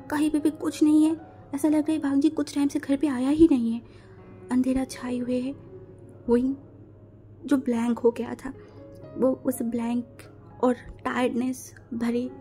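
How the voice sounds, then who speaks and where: A fairly high-voiced woman tells a fan fiction story and throws herself into the quarrels between the characters. Her tone is mellow and soft-edged, with faint music playing behind her. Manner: emotional, voices quarrels loudly. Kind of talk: fan fiction narration with acted dialogue.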